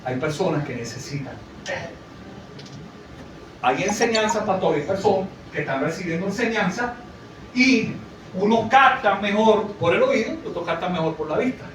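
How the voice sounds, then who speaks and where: A man's voice: high-pitched, expressive, normal speed, pauses often. A man preaching a sermon in a conversational way, often asking the congregation questions. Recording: echoey, from far off, faint noise.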